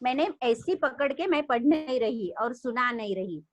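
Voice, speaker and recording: A woman's voice: a little high, lively intonation, moderate pace, dry recording, highs cut off. A woman leading an online teacher training session on a video call, reading storybook lines aloud expressively.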